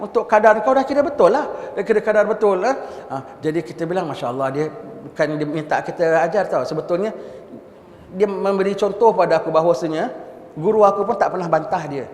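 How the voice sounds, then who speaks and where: Man, Singaporean Malay accent, high voice, conversational mosque lecture, drops in English words, booming reverberant hall, faint background hiss. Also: brisk. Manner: conversational, often checks listeners with "ha?"; mixes English words into his speech. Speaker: religious teacher.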